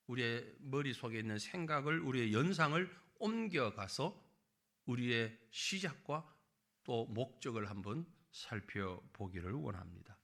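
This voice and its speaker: Lively, bright-voiced male pastor preaching. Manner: lively preaching, rising into high pleading voices for people's complaints; drops low and quiet at the end of phrases. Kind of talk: Sunday sermon.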